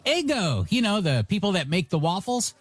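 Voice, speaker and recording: A male music radio DJ and host announces songs and reads light news stories in showy announcer patter, stretching out phrase endings and tossing in playful, wry asides. His high voice has big pitch swings, with no echo, over a music bed in the radio broadcast.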